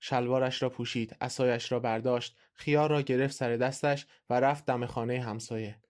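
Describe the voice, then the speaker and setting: A man hosting a podcast and calmly reading a short story aloud. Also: mid-range voice. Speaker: podcast host and narrator. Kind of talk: storybook narration.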